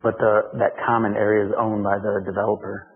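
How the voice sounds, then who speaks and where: A man's voice: fairly low pitch, little pitch movement, fairly quick. A man at a township meeting, talking through a hypothetical example with loose fillers. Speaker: meeting participant. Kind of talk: public meeting discussion. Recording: tinny lo-fi audio, reverberant hall, faint noise.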